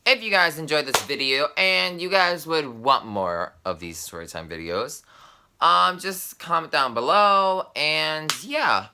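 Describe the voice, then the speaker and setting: Young guy vlogger, casual storytime, bright edgy tone, heavy swearing, filler-heavy, mimics others in quotes. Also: a little high, lively intonation, measured pace, gravelly. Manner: heavy cursing, constant "like" fillers; mimics friend's voice when quoting.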